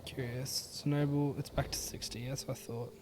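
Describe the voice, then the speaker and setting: A young man from Australia giving casual gameplay commentary in a relaxed, rambling way, with many "um"s and yawns. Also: medium pitch, moderate pace, heavy background noise. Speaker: gaming YouTuber.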